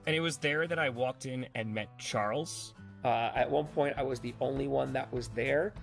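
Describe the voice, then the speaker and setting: Man, casual vlog narration, self-deprecating jokes, gravelly edge, music playing behind. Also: mid-range voice, normal speed. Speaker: vlogger recapping a fundraising tour. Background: background music.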